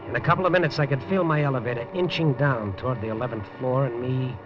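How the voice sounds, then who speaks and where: With music in the background, a man narrates at a quick pace in a mid-range voice close to everyday speech. He's an actor playing a hard-boiled male reporter, the lead narrator of a 1950s radio drama, terse, dry and wisecracking, on a dull broadcast.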